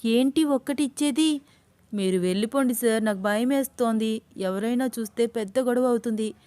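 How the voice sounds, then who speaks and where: A woman's voice: moderate pace, no room sound, lightly acted. A woman voicing a young woman in love who is agitated and fiery, in an audio story. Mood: frightened. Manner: shrill, agitated pleading.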